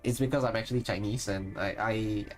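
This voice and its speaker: On a live stream, a Singaporean-accented content creator talks casually to viewers, wandering off track and fixing his sentences as he thinks aloud. His voice is lowish with fairly even intonation and a slightly fast pace. Soft music plays behind him, and the audio quality is poor.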